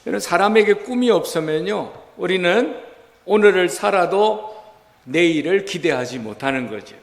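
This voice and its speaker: A man's voice: sits high, lively intonation, moderate pace, vocal fry. A male pastor preaching a Sunday sermon, exhorting the congregation and questioning them as he tells a story. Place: church sanctuary. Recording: reverberant church hall.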